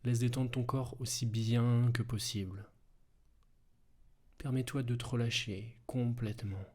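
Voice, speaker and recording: A man guiding a hypnosis session slowly in a soft, hushed, intimate voice, as if right in your ear. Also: medium pitch, fairly even intonation, husky. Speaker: hypnosis guide, video host.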